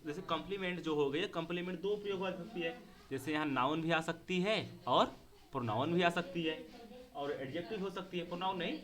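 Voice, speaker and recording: Teaching a grammar lesson to a class, a man with a slightly high voice speaks, repeats the key words, and keeps asking whether the students understand.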